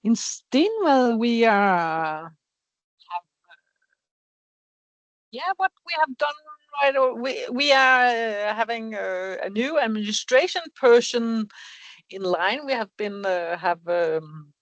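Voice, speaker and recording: A woman giving a project update in an online meeting, halting and searching for words. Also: a little high, animated, dry recording. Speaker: project partner. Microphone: video call.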